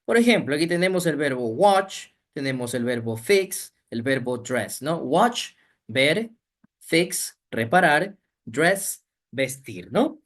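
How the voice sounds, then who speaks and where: A woman's voice: low-pitched, lively intonation, takes it slowly. A woman teaching English grammar step by step, often checking understanding with short tag questions. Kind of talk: recorded grammar lesson.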